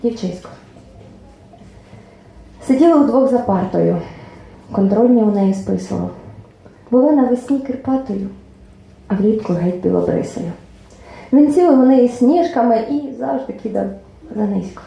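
Woman poet reciting with a dark, gravelly voice. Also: a little high, moderate pace, long pauses. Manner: expressive recitation, lines trailing off softly, nearly whispered. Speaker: poet reading her own poems. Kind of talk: poetry reading at a book presentation. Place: club event hall. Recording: very echoey hall, faint room noise.

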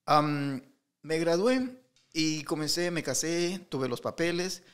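A man's voice: a little high, expressive, takes it slowly, fairly bright tone, clean tone. A middle-aged man telling anecdotes in a casual interview, with lots of fillers and restarts. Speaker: interview guest, entrepreneur. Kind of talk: casual storytelling.

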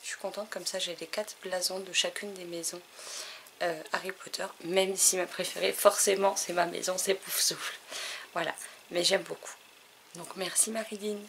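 A woman's voice: fairly low pitch, fairly even intonation, normal speed, creaky, fairly bright tone, a little hiss or hum. A woman from France chatting casually to camera as she unboxes advent calendar gifts, enthusiastic and often trailing off with fillers.

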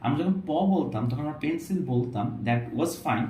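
A man teaching English pronunciation in a casual video lesson, explaining patiently and repeating example words slowly. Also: a little high, animated, dark tone. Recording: echoey room, faint background noise.

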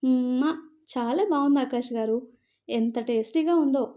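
A woman's voice: high-pitched, measured pace. A woman voicing a shy, sweet young wife in a romantic storybook, speaking coyly and fussily on a slightly muffled recording.

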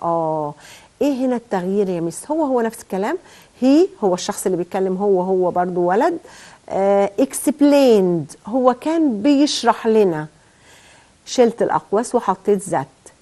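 A woman teacher with an Egyptian Arabic accent giving a recorded grammar lesson. She explains step by step, asks questions and answers them herself, and reads the English example sentences slowly. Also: medium pitch, lively intonation, mellow.

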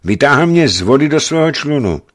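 Man voicing a self-pitying boyar, wailing, tearful, high-pitched, loud, storybook reading. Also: sing-song, creaky, full character voice.

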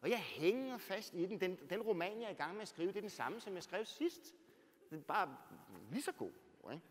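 Man, author, storytelling talk, fairly high voice, big swings from loud to hushed, long church echo. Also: a little hiss or hum. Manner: animated, swinging from loud bursts to near-whispers; rhetorical, keeps adding "right?".

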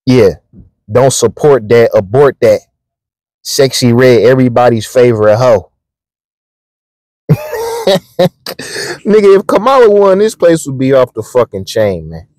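A man's voice: medium pitch, animated, unhurried, pauses often, darkish tone, dry recording. A man giving casual, mocking reaction commentary, blunt and heavy with profanity. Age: adult, a father. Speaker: religious commentator.

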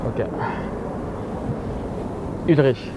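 A man approaching women on a city street, casual, teasing and smooth-talking. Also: extremely slow. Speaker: street pickup coach. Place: busy city street outdoors. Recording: loud street traffic noise.

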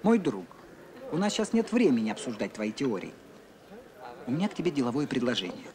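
An actor playing a courteous, eccentric elderly gentleman in a children's sci-fi film, formal and theatrically polite. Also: medium pitch, big pitch swings, a little fast, natural voice. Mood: courtly.

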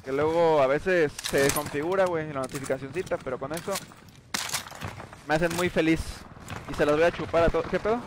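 A man's voice: fairly high pitch, brisk, noisy background. A man with a Mexican accent, live-streaming a game in a casual, slangy, chummy way, thanking viewers by name. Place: home gaming setup. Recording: loud in-game gunfire behind voice.

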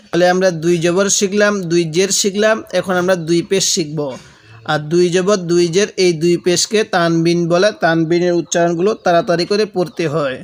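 A man teaching Quran reading, drilling letter sounds slowly and asking listeners to repeat after him. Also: high voice. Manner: drills letters aloud with repetition, asks viewers to repeat. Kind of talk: slow step-by-step recitation lesson.

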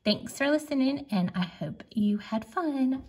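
A woman leads a children's drawing lesson at an unhurried pace. Her voice has a soft huskiness, and she sounds out letters patiently for young learners. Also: high voice, animated, slightly rough. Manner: slow, gentle, sounds out letters. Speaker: teacher.

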